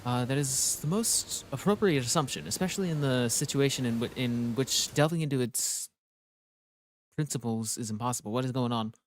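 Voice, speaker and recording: A man's voice: mid-range voice, a little hiss or hum. A man reading a game story aloud with casual commentary, often stumbling and interrupting himself. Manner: halting, stumbling, self-interrupting. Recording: faint music behind the voice. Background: faint music.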